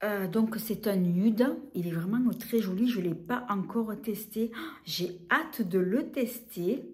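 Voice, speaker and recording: Woman, casual haul chat, slow pace, hesitant fillers. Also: medium pitch. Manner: hesitant, many filler sounds, unhurried. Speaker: beauty vlogger. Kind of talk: casual product haul talk.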